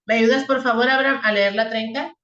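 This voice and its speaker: A woman's voice: a little high, fairly even intonation, fairly quick, a bit bright, highs cut off. A woman teacher, walking a class through equations and physics step by step and checking in often with short questions. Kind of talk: classroom math and physics lesson. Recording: echoey room.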